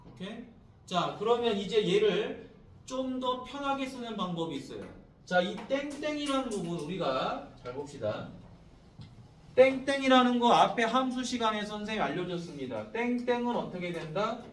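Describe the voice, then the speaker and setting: A man teaching high school math as a classroom lecture, constantly checking in with his students through short prompting questions. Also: big pitch swings, normal speed, roomy sound, far from the mic.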